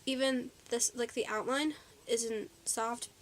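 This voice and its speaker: A woman's voice: fairly high pitch, fairly even intonation, slow. A teenage girl chatting in a casual haul vlog, bubbly and a little out of breath, with lots of ums and likes. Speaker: vlogger.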